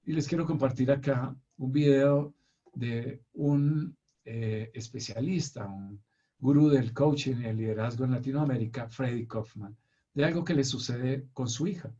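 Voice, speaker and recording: Male motivational speaker from Colombia, dark husky voice, dull lo-fi sound. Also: mid-range voice, unhurried. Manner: addresses the audience directly with hesitant fillers. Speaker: speaker in a talk series. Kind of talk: motivational lecture.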